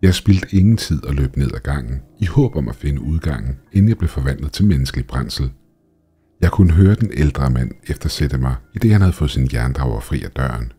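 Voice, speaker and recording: Very deep-voiced male horror narrator. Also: expressive, dark tone, husky. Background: faint background music.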